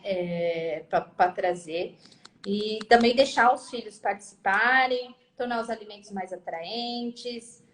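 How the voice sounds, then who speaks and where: A woman with a Brazilian Portuguese accent, a guest consultant for mothers, chatting in an agreeable way and sharing practical tips. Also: mid-range voice. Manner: agreeable, fillers and restarts, gives practical tips. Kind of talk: casual live-stream conversation. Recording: echoey room sound.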